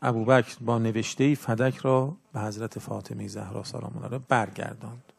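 A man delivers a sermon in a gravelly, slightly rough voice. He teaches earnestly and instructively, his loudness swelling and falling as he makes his points. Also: on the low side, fairly even intonation. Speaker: religious preacher.

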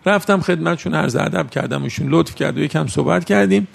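A man delivers a sermon with a strongly gravelly, rough-edged voice that sits somewhat high. He talks to his listeners in a loose, conversational way and tells stories. He slows right down to recite Arabic sayings before explaining them plainly. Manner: recites Arabic sayings slowly, then explains in colloquial speech. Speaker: cleric giving a religious talk.

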